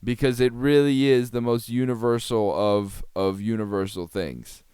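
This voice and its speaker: A man's voice: medium pitch, moderate pace, warm tone, clean tone, dry recording. A man hosting a podcast, giving sarcastic, rambling comedic commentary on a TV clip and laughing often. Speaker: podcast host.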